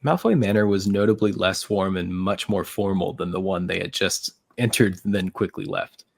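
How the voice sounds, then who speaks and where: A man narrating a fan story read-through in an even reading manner, with occasional slips. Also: sits low, moderate pace, gravelly.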